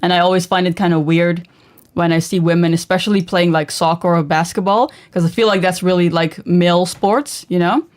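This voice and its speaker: A woman's voice: fairly low pitch, steady tone, fairly quick, a little mellow. Blunt woman chatting with a laugh. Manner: blunt, laughs easily, says she exaggerates when on a roll. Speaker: co-host of a couple's livestream. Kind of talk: casual livestream chat.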